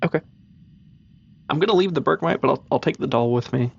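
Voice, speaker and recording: A man's voice: a little high, fairly quick, gravelly, husky, dull audio. A man playing a comedic tabletop game, cautious and curious, asking the game master one question after another. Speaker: player.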